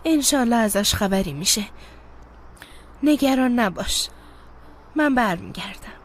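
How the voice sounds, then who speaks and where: A woman's voice: on the high side, animated, a little hiss or hum, lightly acted. An actress voicing a kind, motherly neighbor woman who speaks soothingly and affectionately. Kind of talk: TV drama dub.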